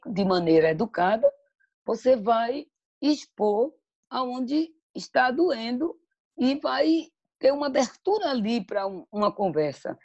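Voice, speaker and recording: A woman's voice: mid-range voice, a little mellow, muffled recording. A woman speaking at a church talk on motherhood, telling stories and reading scripture in a reflective way. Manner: reflective, storytelling, quotes scripture.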